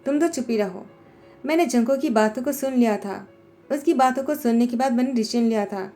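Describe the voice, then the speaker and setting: A woman lending her voice to a proud young husband who answers sharply and deflects with questions. The voice sits a little high and mellow, read as part of a storytelling recap with faint music behind. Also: a little fast, close to an everyday voice. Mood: defensive. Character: brooding young husband, cold and defensive.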